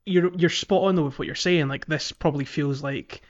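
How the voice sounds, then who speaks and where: A podcast co-host chats casually about games in a brisk, higher-pitched male voice, frequently correcting his wording mid-sentence. The audio is muffled and lo-fi.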